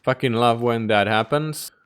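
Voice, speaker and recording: A gaming YouTuber narrates his strategy game playthrough in a smooth, resonant, mid-range voice that is fairly bright and paced at normal speed, breaking into exasperated outbursts. He swears freely and keeps a running commentary on every setback.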